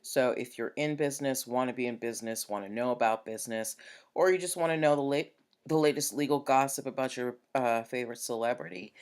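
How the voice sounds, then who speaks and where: With a bass voice and darkish tone, a woman hosting a live-stream on business and legal topics talks upbeat and chattily straight to her audience while hiccuping.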